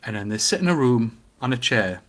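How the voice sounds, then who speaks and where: Man, middle-aged, Newcastle Geordie accent, mid-pitched voice, casual chat, opinionated, animated storyteller. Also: a little fast. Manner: animated storytelling with acted-out quotes and rhetorical questions.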